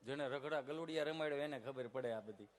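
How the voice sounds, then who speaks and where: A man with a Kathiawadi Gujarati accent telling folk stand-up comedy stories in a chatty way, often slipping into voices. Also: mid-range voice. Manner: chatty, storytelling, quick to slip into voices.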